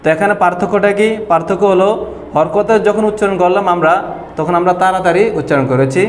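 A man teaching a whiteboard lesson on Quran pronunciation, explaining slowly and patiently and drawing out the example sounds. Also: high-pitched. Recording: echoey room with long reverb and faint noise.

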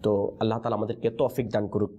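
A man teaching the pronunciation of Quranic letters in a lesson, pausing on questions so his students answer in chorus. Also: lowish voice, little pitch movement, warm tone. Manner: call-and-response teaching, prompting answers with questions.

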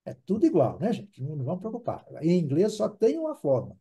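Male teacher, higher pitch, very mellow tone; patient drill style, constant check-ins. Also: wildly swooping pitch, fast talker, husky. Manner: patient, repeats words for drilling, keeps checking in with the class. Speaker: English teacher. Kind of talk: online English class in Portuguese.

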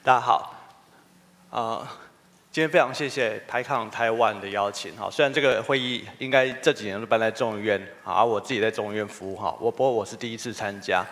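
Lowish man, keynote. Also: brisk, fairly bright tone. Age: 40s. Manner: humorous, storytelling, self-deprecating. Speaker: keynote speaker. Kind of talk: conference keynote talk. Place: conference hall.

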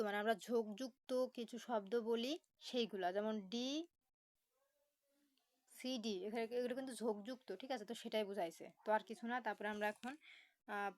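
Slow, patient woman teacher spelling words. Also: fairly high pitch, darkish tone, no echo, low-quality recording. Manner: spells words letter by letter, slow explanations with many fillers. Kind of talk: online lesson explaining a textbook.

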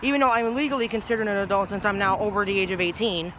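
Chatty high-voiced young man vlogging outdoors. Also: rapid-fire, background noise. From New Jersey. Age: young adult. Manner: chatty, rambling, easily sidetracked, swears casually. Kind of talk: casual rambling vlog. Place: outdoors by a brick house in a grassy yard. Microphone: phone held low at arm's length.

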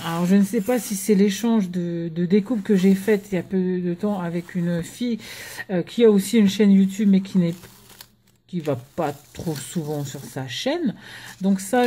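Woman, quiet voice, mellow, casual chat, many fillers, home vlog. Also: mid-range voice. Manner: chatty, hesitant with many fillers; talking softly while children nap. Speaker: crafting vlogger.

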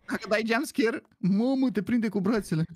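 A man co-hosting a casual gaming session, animated and joking as he points things out in the game. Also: high voice, no room sound, studio quality. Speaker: gaming co-host. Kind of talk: casual gameplay chat.

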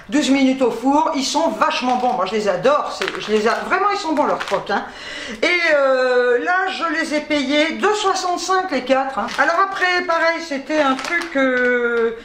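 A woman's voice: high-pitched, fairly bright tone. A woman chatting casually about her grocery haul, joking and laughing often between filler words. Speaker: vlogger. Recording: echoey room, faint noise.

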